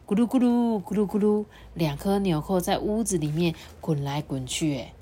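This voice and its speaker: A woman reading a children's story aloud, animated and chatty, talking with a child listening beside her. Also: fairly low pitch, normal speed, slightly rough.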